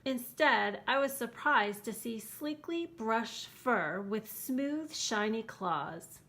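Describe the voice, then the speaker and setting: A woman with a mid-pitched voice reading aloud for children in a bedtime storybook style. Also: lively intonation, slow pace, a bit bright, slight background noise. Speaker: school staff reading aloud.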